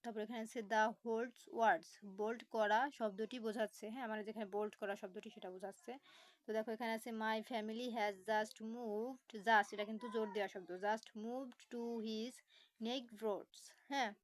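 Slow, patient woman teacher spelling words. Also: fairly high pitch, fairly even intonation, rough recording. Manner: spells words letter by letter, slow explanations with many fillers. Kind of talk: online lesson explaining a textbook.

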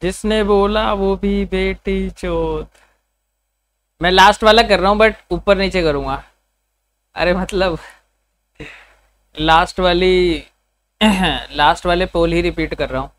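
A man livestreaming and bantering with his chat, with a sore, hoarse throat and a teasing, foul-mouthed manner. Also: high-pitched, a bit bright. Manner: teasing, swears freely, quick comebacks. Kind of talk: casual live stream banter.

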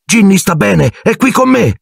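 A man voicing an eager, excitable teenage boy in a storybook reading. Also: lowish voice, normal speed, breathy edge, dry recording, clean studio sound, pitched above the performer's own voice, heavily acted. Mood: excited.

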